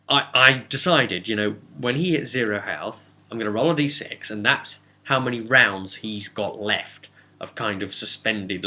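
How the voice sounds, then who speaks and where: A man with a lowish voice gives a casual, unscripted recap as a tabletop game master, rambling and animated, with hesitant asides.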